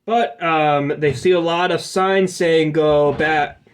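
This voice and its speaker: A man's voice: on the high side, steady tone, slow pace, slight background noise. A young man running a tabletop game, rambling with crude jokes and lots of fillers. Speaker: game master. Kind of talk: casual tabletop game narration.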